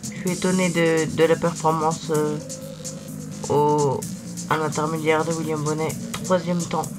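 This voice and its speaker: A young man hosts a gaming video with a sore, swollen-tonsil voice. His delivery is very even and halting as he searches for words. Loud music plays behind his casual cycling commentary. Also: on the high side. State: sick with tonsillitis, swollen-throat weakened voice.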